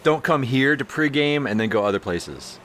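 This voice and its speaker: A man with a lilt tells a story in a relaxed podcast chat. His voice sits in the middle range and leaps up when he gets worked up. A faint noise floor runs underneath. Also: moderate pace. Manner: animated, jumps high when acting out the story. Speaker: podcast co-host, brewery owner.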